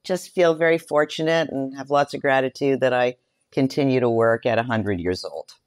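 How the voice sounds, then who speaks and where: This mature woman, a writer, director and voice performer, is a guest in a casual interview, speaking effusively and reflectively about her life and work. Her voice is very deep and moderately paced, captured in studio quality with no room sound.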